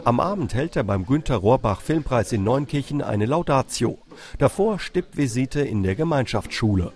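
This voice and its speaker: A male reporter reading a scripted news report voice-over in an even, measured way. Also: medium pitch.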